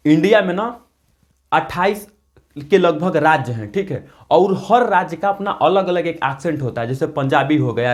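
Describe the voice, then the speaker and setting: A man with a Bihari accent, Bhojpuri his first language, hosting a casual spoken-English lesson in a playful, folksy, joking way. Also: fairly high pitch. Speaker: English-speaking tutor, channel host.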